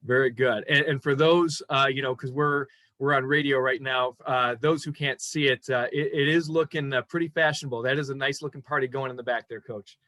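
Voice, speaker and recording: Male radio host, smooth on-air delivery, mid-pitched, dry close sound, courteous interviewer. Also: fairly even intonation, a little fast, bright, forceful tone, no echo. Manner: polished, friendly questioning, addresses guest as Coach.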